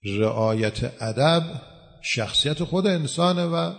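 A man's voice: on the high side, animated, creaky, a bit bright. A man giving a religious talk to a gathering, answering questions and explaining with everyday examples. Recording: long hall reverb.

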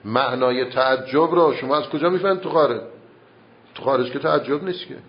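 This is a medium-pitched man heard through dull audio. Leading a seminary class, he patiently lays out and defends an argument about grammar and logic, posing rhetorical question after rhetorical question.

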